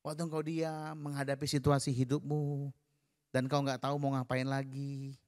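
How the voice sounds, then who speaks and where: An animated preacher, speaking to his congregation in a mid-pitched voice. He shifts between lively emphasis and soft, hushed moments, addressing the listeners directly and counting them in to read together. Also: normal speed, no room sound, clean studio sound. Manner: animated, leads the congregation in reading aloud together. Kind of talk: sermon.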